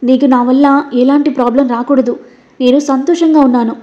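A woman's voice: high-pitched, steady tone, a little fast, dull audio, lightly acted. Woman voicing Ashwi, tearful pleading sister. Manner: pleading, later sobbing and shouting. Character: young woman pleading with her brother, tearful.

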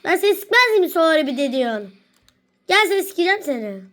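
A woman streaming an online game, taunting opponents and swearing loudly as she plays. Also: very high-pitched, sing-song, quick pace. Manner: trash-talking, taunting, profane, shouts repeated jeers. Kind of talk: live gameplay chat.

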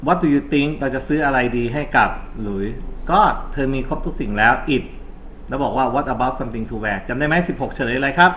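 A Thai-accented man explains English grammar in a loose, chatty classroom way, often catching and correcting himself. His voice is bright and pushed forward. The recording is a little dull, with faint noise behind it. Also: mid-range voice, a little fast. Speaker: English teacher. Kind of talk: recorded exam-prep lesson.

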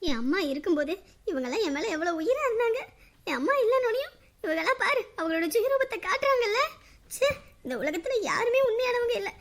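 A woman voicing a hurt, proud young mother in an animated drama, talking through bitter tears. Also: extremely high pitch, fast. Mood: resentful. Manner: tearful, bitter inner monologue.

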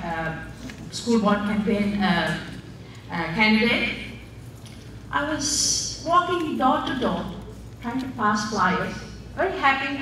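A woman's voice: a little high, a bit bright, slight background noise. An older woman from Malaysia giving a heartfelt public comment at a school board meeting, pleading and repeating herself. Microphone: far room recording of a podium mic. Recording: echoey hall from far off.

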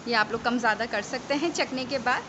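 A woman's voice: a little high, a little fast, muffled recording. Chatty woman hosting a home cooking tutorial. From Pakistan. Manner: chatty, checks in with viewers. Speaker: cooking channel host. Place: home kitchen. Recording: noisy home recording.

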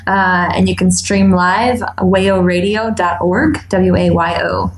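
A woman from New York State, a dance instructor, answering interview questions in a friendly, relaxed way with many ums and uhs. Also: on the low side, slow, echoey room, rough recording. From New York State, USA.

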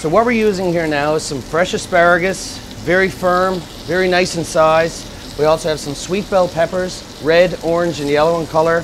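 Male executive chef, slightly high voice, lapel mic in a noisy restaurant kitchen. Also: normal speed. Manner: steady instructive step-by-step explaining. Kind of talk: cooking demonstration. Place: restaurant kitchen at a gas range.

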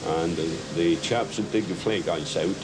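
A man's voice: sits low, normal speed, heavy background noise. A man, explaining the local ice works in a plain, matter-of-fact way. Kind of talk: documentary interview.

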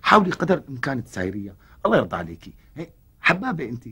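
A man's voice: medium pitch, wildly swooping pitch, rapid-fire, bright, forceful tone, slightly rough, full character voice. An actor with a Syrian Arabic accent playing a harried husband who coaxes and sweet-talks his quarreling wives. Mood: coaxing. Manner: coaxing, exasperated, sweet-talking. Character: harried husband caught between two wives. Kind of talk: TV comedy acting.

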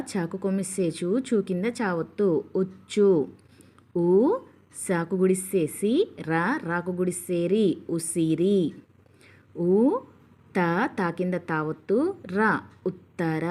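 Patient woman spelling syllables slowly. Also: lowish voice, dark tone. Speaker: teacher. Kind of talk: reading lesson for children.

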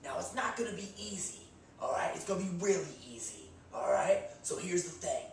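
A man's voice: sits high, lively intonation, a little fast, gravelly, a little hiss or hum. A young man in his twenties hosting a comedy sketch, giving mock gym advice with cocky meathead bravado. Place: small indoor room against a bare wall. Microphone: far camera. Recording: echoey room from far off.

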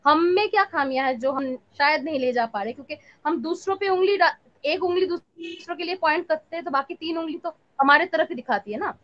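A woman's voice: sits high, a little fast. A woman moderating an online panel discussion, asking probing questions at length. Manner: probing, asks long questions with restarts. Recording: lo-fi online call audio.

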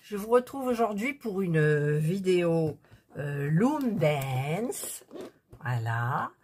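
A woman's voice: mid-range voice, a little hiss or hum. A woman chatting casually through a craft tutorial, thinking aloud as she works. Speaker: craft vlogger.

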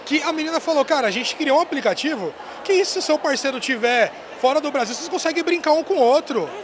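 A man in his thirties, an excited and playful interviewer, hyping his guest with a handheld mic in a busy indoor expo hall. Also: very high-pitched, fast. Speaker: interviewer at a trade fair. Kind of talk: casual on-location interview. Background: crowd chatter of the fair.

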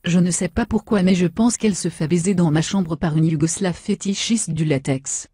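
A woman's voice: fairly low pitch, moderate pace, mellow, slightly rough, no echo. A woman voicing a vain, foul-mouthed young woman, brash and insulting in comic machinima. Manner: brash, insulting, self-satisfied.

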